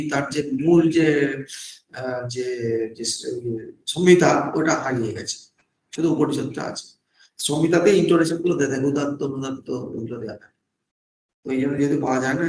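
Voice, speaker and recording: A man's voice: medium pitch, a little mellow, echoey room, slight background noise, rough recording. A man, a monk, teaching a class on scripture, explaining step by step, asking questions and then answering them himself. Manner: explanatory, mixes English words into Bengali; asks and answers his own questions.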